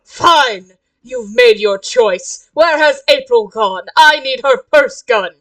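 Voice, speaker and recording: A woman's voice: fairly high pitch, expressive, measured pace, sharp tone, dry recording, distant mic, exaggerated voice, low-quality recording. A woman voicing a short-tempered monster student who speaks in an indignant, threatening way.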